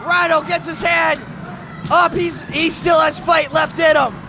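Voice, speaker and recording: Male play-by-play wrestling announcer, very high-pitched, emphatic and excitable, working over a clearly audible crowd. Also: unhurried, music in the background. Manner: excitable, emphatic calling of the action. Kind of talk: live sports commentary. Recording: loud crowd noise behind. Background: wrestling event crowd.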